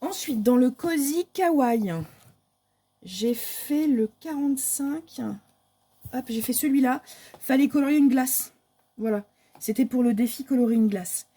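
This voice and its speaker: A woman's voice: high voice, a little slow, mellow, slightly rough. A woman, casually showing her month's coloring pages in a chatty, hesitant way with many fillers. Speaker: crafting vlogger. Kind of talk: casual show-and-tell of coloring books.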